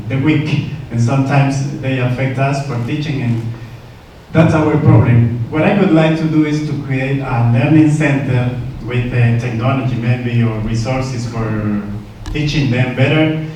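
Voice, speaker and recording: A man, an English teacher giving a halting prepared presentation. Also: mid-range voice, darkish tone, a little hiss or hum. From Nicaragua. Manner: halting, searching for words. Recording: echoey room, far from mic.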